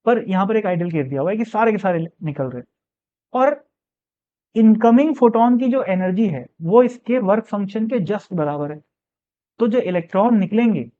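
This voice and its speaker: Here a man walks through a physics exam question one step at a time, first reading it out slowly, then explaining in a relaxed way while posing and answering his own questions. He sits high with lively intonation, and the recording has its highs cut off.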